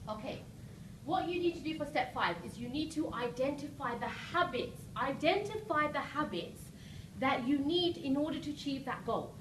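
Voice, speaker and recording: A woman's voice: high-pitched, lively intonation, normal speed. A woman giving a rousing, emphatic motivational seminar talk as a coach, often checking in with short questions. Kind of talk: motivational seminar speech to a live audience. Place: live seminar room with audience. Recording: roomy echo, distant mic, noisy background.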